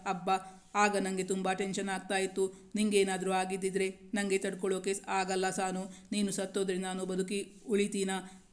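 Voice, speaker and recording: A woman voicing a devoted young husband who speaks softly and tenderly in a storybook reading. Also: sits high, monotone, moderate pace, close to an everyday voice. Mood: anxious.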